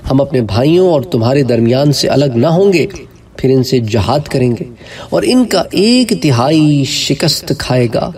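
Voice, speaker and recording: A man giving a religious lecture in earnest, emphatic preaching style, with a Pakistani Urdu accent, rising in pitch when he stresses a point. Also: a little mellow, distant mic. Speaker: Islamic preacher.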